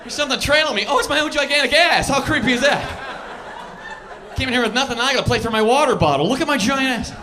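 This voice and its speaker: A man's voice: very high-pitched, quick pace. A man doing a stand-up comedy set, telling stories and acting out the people in them. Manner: animated storyteller, acts out characters. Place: comedy club stage. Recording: live club with crowd noise. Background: audience laughter and room noise.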